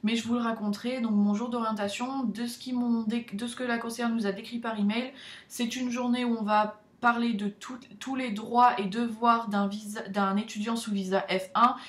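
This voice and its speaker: A woman's voice: fairly high pitch, steady tone, moderate pace. A young woman from France, vlogging in a casual, chatty way, nervous and self-deprecating, often restarting her sentences. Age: young adult. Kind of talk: casual chat to camera. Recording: echoey room.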